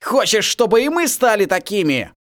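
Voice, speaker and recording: A man's voice: high-pitched, sing-song, normal speed, a bit bright, no echo, clean studio sound, pitched above the performer's own voice. A man voicing a spiteful, scornful male enemy leader with a sneering delivery. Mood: snarling.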